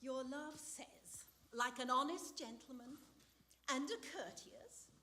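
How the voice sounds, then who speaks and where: A woman acting a fussy, weary old female nurse on a theatre stage, groaning and complaining in drawn-out verse. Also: sits high, bright, forceful tone, heavily acted. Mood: teasing. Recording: roomy theatre stage sound.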